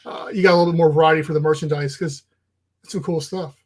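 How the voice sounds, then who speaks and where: A man co-hosting a casual live stream, easygoing and joking in quick back-and-forth. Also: a little high, fairly even intonation. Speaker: co-host of a live ocean talk stream.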